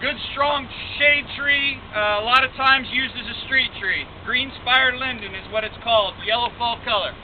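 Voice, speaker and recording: Male presenter, very high voice, clipped and matter-of-fact, thin phone-like outdoor recording. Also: moderate pace, few pauses, a little hiss or hum. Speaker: tree expert presenter. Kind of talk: describing sale lots to a crowd. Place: outdoors at a tree lot.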